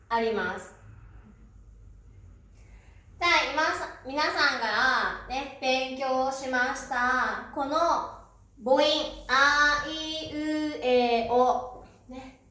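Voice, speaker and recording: A woman teaching a pronunciation lesson, who says each syllable slowly and clearly and fills pauses with a soft "un". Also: sits high. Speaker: Japanese teacher. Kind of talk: slow, deliberate pronunciation lesson. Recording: very echoey room.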